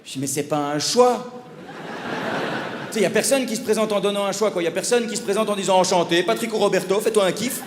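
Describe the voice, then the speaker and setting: A man's voice: high voice, quick pace, long pauses. A Belgian man in his thirties doing a stand-up comedy set, brash and mocking, acting out dialogue in funny voices. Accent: Belgian French. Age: 30s. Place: theatre stage before a live audience. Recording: roomy live hall with audience noise.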